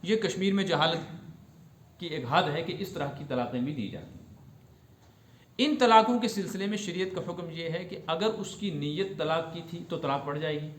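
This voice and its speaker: Man teaching a religious lesson, echoey room. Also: fairly high pitch. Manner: explains step by step and checks understanding with questions.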